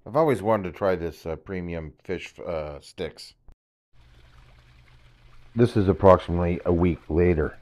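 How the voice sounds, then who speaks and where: An older man with a cold-roughened voice gives a casual, halting review of fish food for his pond, with his voice breaking upward now and then. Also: low voice, darkish tone, no room sound. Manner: halting, pauses mid-sentence to find words. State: hoarse from a cold, voice cracking upward. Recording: dull lo-fi, dry sound.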